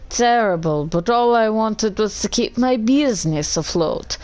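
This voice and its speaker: A woman's voice: mid-range voice, expressive, unhurried, darkish tone, pitched above the performer's own voice, natural voice. A woman voicing a struggling male tavern keeper in a put-on accent she cannot place, giving defensive, hesitant excuses. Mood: pleading.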